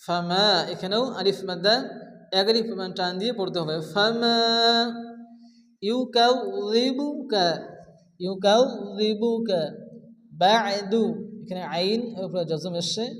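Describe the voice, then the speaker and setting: A man teaching Quran recitation, chanting verses slowly and melodically, then explaining pronunciation rules in quick spoken asides. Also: sits high, fairly bright tone, long reverb tail, low-quality recording. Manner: slow sung recitation alternating with quick explanations.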